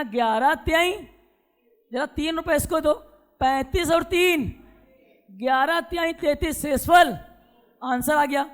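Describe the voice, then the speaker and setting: A man's voice: extremely high pitch, a bit bright, long reverb tail. A male teacher giving a classroom lecture, drilling his students with repeated questions and having them chant answers back.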